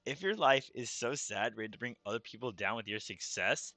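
A male streamer talking casually while gaming, excitable and swearing, who yells during fights. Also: mid-range voice, a little fast, no room sound.

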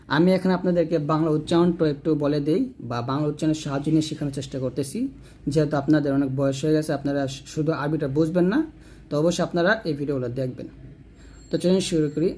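Male Quran teacher with a somewhat high voice, chanting syllables in patient drills. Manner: spells syllables aloud in steady drilling chant. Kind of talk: slow spelled-out recitation lesson.

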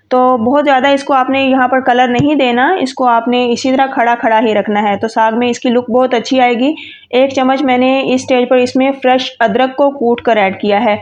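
High-voiced woman teaching a recipe. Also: highs cut off. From Pakistan. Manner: friendly instructive, mixes English words. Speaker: cooking channel host. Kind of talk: voice-over cooking tutorial.

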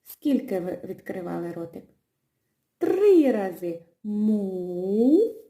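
A woman teaches young children in a gentle, sing-song way, drawing words out syllable by syllable. Her voice is fairly high and mellow and rises and falls a lot. The room around her echoes. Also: big pitch swings, a little slow. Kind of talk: children's literacy lesson with a told tale.

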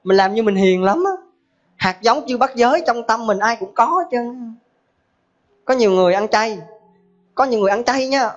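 A woman's voice: a little high, moderate pace, long pauses. Woman, Buddhist teacher, folksy joking sermon, muffled lo-fi sound. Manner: folksy, joking, rhetorical questions. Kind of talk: humorous dharma talk. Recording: dull lo-fi recording.

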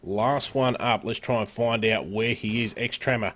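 A man casting a live online game match, upbeat play-by-play with frequent fillers and sudden excited rises. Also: fairly low pitch, measured pace. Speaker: esports caster.

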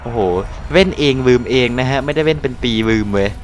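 A young man from Thailand giving casual live commentary over his gameplay, excitable and loose, swearing and exclaiming at the action. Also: mid-range voice, fairly quick, slight background noise. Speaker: gaming channel host.

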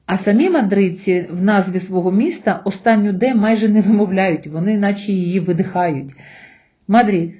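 A woman teaching an online language lesson, explaining letters and sounds in a slow, careful way. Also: medium pitch, mellow, muffled recording.

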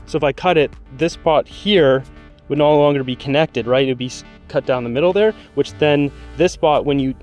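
On a residential street next to his parked car, a young man vlogs a laid-back how-to demonstration of a do-it-yourself car job, filling his explanations with fillers. He speaks at medium pitch into an action camera he holds at arm's length.

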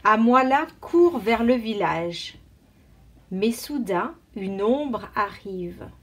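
Slow, expressive woman reading a storybook. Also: mid-range voice, breathy edge. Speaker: teacher reading aloud. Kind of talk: picture-book read-aloud for young children.

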